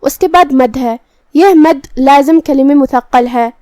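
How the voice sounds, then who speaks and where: A woman's voice: high voice, warm tone, dry recording. A woman teaching a Quran recitation lesson, patiently explaining each pronunciation rule step by step.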